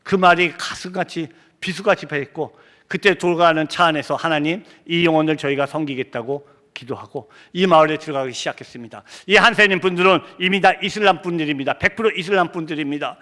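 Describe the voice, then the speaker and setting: Impassioned Korean missionary preacher, bright voice. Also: male voice, fairly high pitch, quick pace. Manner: impassioned, rises to near shouting. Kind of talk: sermon. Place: church sanctuary.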